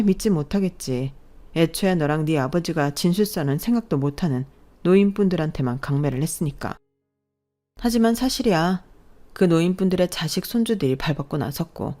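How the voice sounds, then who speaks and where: Low-voiced woman telling a story. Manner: calm, cutting when confronting. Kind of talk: scripted story narration.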